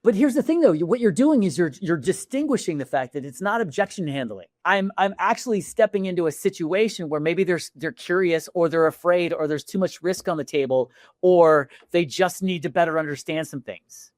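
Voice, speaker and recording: A man on a podcast talking about selling in casual, animated speech, often restarting sentences and acting out sample lines. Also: high-pitched, fairly quick, dry recording, clean studio sound. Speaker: podcast guest, sales executive. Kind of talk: casual interview talk.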